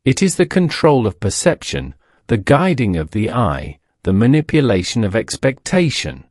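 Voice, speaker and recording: A man's voice: mid-range voice, big pitch swings, normal speed, a little mellow, no room sound, clean studio sound, lightly acted. A man voicing a theatrical, indignant French illusionist with a thick, resonant accent. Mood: proud.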